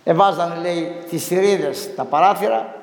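A priest delivering a sermon, his voice sitting high for a man. He retells the scripture in plain, homely speech, forever adding "he says", and his words ring out through a big, roomy church with a long reverb tail. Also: vocal fry. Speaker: Orthodox priest. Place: large church.

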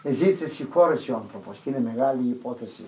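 A man's voice: medium pitch, expressive, warm tone, low-quality recording. An older man, a priest, preaching and telling a story with acted-out quotes. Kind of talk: sermon.

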